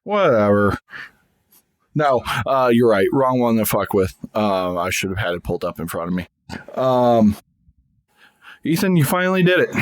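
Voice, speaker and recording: A man's voice: lowish voice, lively intonation, moderate pace, pauses often, dry recording, clean studio sound. A man co-hosting a podcast, chatting casually with jokey, blunt short reactions. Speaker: podcast co-host.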